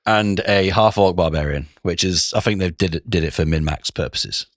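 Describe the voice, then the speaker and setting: A very low-voiced man, hoarse and rough from a sore throat, chatting on a podcast. He rambles along with lots of restarts. The sound is close and dry, with no room around it. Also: moderate pace, no echo. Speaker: podcast co-host, game master. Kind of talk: casual chat.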